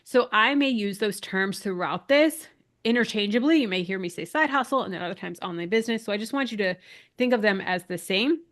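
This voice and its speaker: A chatty, upbeat business coach from Massachusetts, a woman in her thirties, hosts a casual live online class and reads out viewers' names from the chat. Her mid-range voice is expressive, fairly quick and fairly bright. A lingering cold leaves her a little nasal, with a dry throat and some shortness of breath.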